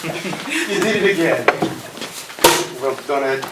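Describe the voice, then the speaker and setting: Recorded from far back in an echoey indoor performance room with lots of noise, a man in his twenties who writes and directs plays fields audience questions. His somewhat high voice swings widely in pitch as he takes his time, rambling and joking informally.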